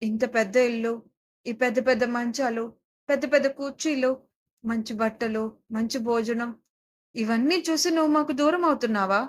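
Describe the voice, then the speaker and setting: A woman's voice: on the high side, moderate pace, pitched below the performer's own voice, natural voice. A woman voicing a sad young boy who pleads with his older sister in an audio story. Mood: pleading. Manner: pleading, heartfelt.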